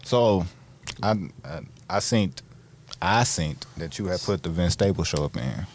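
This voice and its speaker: A man co-hosting a casual podcast, talking in a relaxed, opinionated, slangy way. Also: low-pitched, a little slow. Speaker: podcast co-host. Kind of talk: casual chat.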